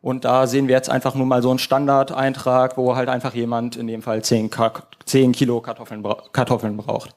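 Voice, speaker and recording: A man's voice: mid-range voice, completely flat delivery, brisk, hardly any pauses, a little mellow. A man presenting his team's app at a hackathon, walking through the screens step by step in a live demo.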